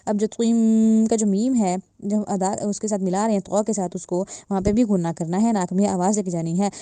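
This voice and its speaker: A woman teaching Quran recitation, slowly sounding out each word and repeating the correct and incorrect forms. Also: medium pitch, steady tone, mellow, no room sound. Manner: drills words slowly, contrasts wrong and right forms. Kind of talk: step-by-step pronunciation lesson.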